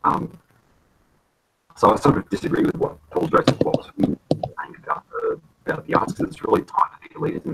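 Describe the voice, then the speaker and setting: Gravelly, husky-voiced man ranting. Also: a little high, fairly bright tone, rough recording. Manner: hesitant, filler-heavy, loose rant. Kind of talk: casual political discussion. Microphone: home computer mic on a video call.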